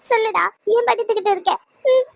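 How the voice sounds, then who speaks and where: A woman voicing a tearful, fiercely devoted young female student who scolds fast while crying in a cartoon. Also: very high-pitched, gravelly, no echo. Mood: scolding. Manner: scolding, crying, rapid-fire questions. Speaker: voice actor. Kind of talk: cartoon dub acting.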